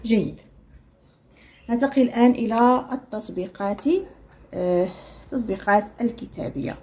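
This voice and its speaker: A woman with a Moroccan Arabic accent teaching primary school children an Arabic lesson, slowly spelling out letter sounds and mixing standard Arabic with Moroccan dialect. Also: medium pitch, dark tone, breathy edge. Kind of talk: explaining a textbook lesson to children.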